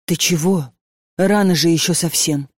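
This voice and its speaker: A woman's voice: lowish voice, measured pace, breathy edge, no echo, studio quality. A woman reading an audiobook and voicing a sleepy, puzzled young female student who answers hesitantly. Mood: bewildered. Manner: hesitant, bewildered.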